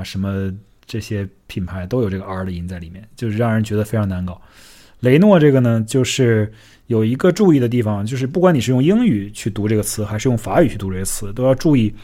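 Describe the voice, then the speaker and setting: A man talking casually on his own podcast, mid-pitched and easygoing. He pokes fun at himself and slips English phrases into his speech. Now and then he slows right down to sound out a tricky foreign word. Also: darkish tone. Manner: chatty and self-deprecating, slips English words into his talk. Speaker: podcast host. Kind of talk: casual solo podcast talk.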